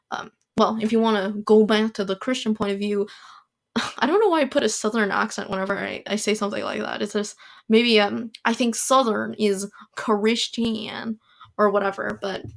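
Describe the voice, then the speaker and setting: A woman's voice: medium pitch, creaky. A young woman hosting her own podcast, chatting alone in a rambling, opinionated way with lots of restarts and fillers. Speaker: podcast host. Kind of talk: solo casual podcast chat.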